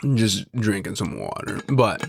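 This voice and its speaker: A young man from the Pacific Northwest hosting a casual podcast, talking in a relaxed, rambling way with a nasal, stuffed-up voice. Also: on the low side, gravelly, noisy background. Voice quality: nasal from allergies. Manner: relaxed, rambling, drawn-out delivery. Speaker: podcast host.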